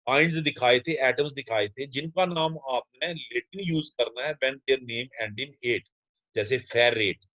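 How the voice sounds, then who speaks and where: A man's voice: mid-range voice, fairly bright tone, no echo, poor audio. A man teaching a chemistry class in a lecture style, explaining each step and asking his students questions that he then answers himself. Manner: addresses students as children. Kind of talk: classroom lecture mixing Hindi and English.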